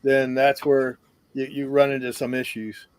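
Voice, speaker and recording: A man's voice: mid-range voice, flat delivery, measured pace, clear, resonant tone, no room sound. A man speaking as a guest in a casual, explanatory conversation.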